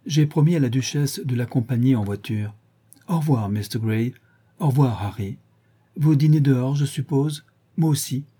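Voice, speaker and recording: A man's voice: mid-range voice, moderate pace, mellow, breathy edge, pitched above the performer's own voice, natural voice. A man voicing a flighty, chattering aristocratic lady who flits from one idea to the next, in an audiobook reading. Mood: gushing. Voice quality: chattering, breathless flitting from idea to idea.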